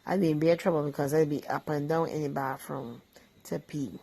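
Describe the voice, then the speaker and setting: Gravelly low-voiced Barbadian woman. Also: steady tone, fairly quick, mellow, poor audio. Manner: chatty, easygoing, talks between bites. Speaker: vlog host. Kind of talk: casual cooking chat while eating.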